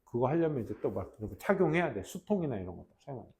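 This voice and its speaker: A man in his thirties, a teacher telling a class a story in a casual, animated way and acting out shouted army roll calls. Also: medium pitch, racing. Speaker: English teacher.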